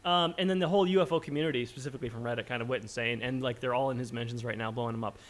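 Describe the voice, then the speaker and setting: A man's voice: medium pitch, racing. A man co-hosting a podcast, steering the talk to new topics with many fillers. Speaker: podcast co-host. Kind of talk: casual chat.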